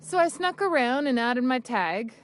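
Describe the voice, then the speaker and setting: A woman's voice: high voice, lively intonation, moderate pace, soft background music. An actress playing a stubborn, sarcastic woman salvager in a video game, defiant.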